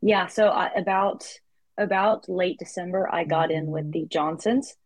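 A woman in her twenties chats as an interview guest, her voice sitting a little low. She talks freely, restarting sentences and adding fillers as she goes. The sound is close and dry, with no room around it. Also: unhurried, no echo, low-quality recording. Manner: chatty, with frequent restarts and fillers. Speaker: guest athlete. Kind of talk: casual interview chat.

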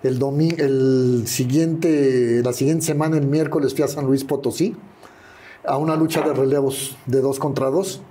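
In a relaxed storytelling interview, an older Mexican-accented man, a former wrestler, shares anecdotes and acts out the voices of those he quotes. He speaks at a measured pace in a dark, mid-range voice with fairly even intonation.

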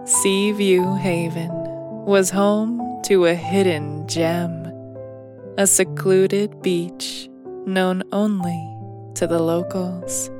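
A woman's voice: lowish voice, steady tone, drawn-out words. A woman narrating a bedtime story in a soothing manner, as if tucking the listener in to sleep. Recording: piano music behind. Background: soft piano music.

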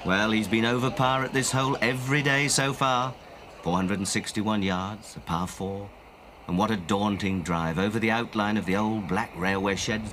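A man working as a golf commentator, giving live commentary in a measured way with exclamations and rhetorical questions. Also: lowish voice, steady tone. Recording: old outdoor broadcast, loud crowd and noise. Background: crowd and outdoor noise.

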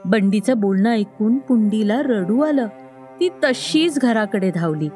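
A woman's voice: mid-range voice, lively intonation, a little slow, warm tone, soft background music. A woman hosting a children's story podcast, narrating in a playful, sing-song way. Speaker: storyteller host.

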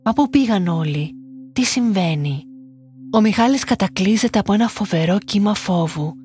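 A woman narrating a true crime story in a measured, somber scripted style. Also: mid-range voice, expressive, a little mellow. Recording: light music underneath.

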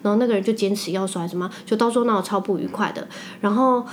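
Fast, lively Taiwanese-accented young woman. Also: medium pitch, a little hiss or hum. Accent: Taiwanese Mandarin. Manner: animated storytelling, quick and emphatic. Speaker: podcast co-host. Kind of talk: casual chat.

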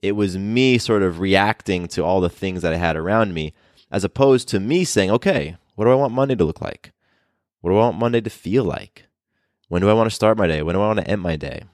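Upbeat deep-voiced male podcast host. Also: fairly quick, no echo, clean studio sound. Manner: upbeat, chatty, with fillers and restarts. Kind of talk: casual solo podcast talk.

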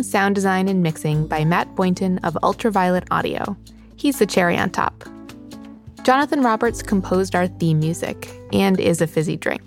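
A woman hosting a children's cooking podcast, reading scripted announcements and credits clearly and in a friendly way. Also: mid-range voice. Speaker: podcast host.

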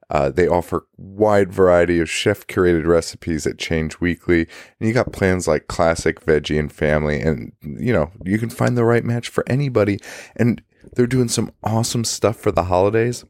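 A man hoarse with a cold, his voice cracking, doing a casual, ad-libbed podcast sponsor read as the host. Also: low-pitched, darkish tone, no echo, studio quality. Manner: informal, mildly profane.

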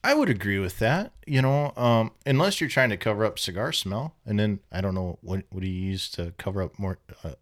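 A man co-hosting a comedy podcast who talks in a halting way, full of "uh" and "you know". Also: fairly low pitch, expressive. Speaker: podcast co-host. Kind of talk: comedic banter.

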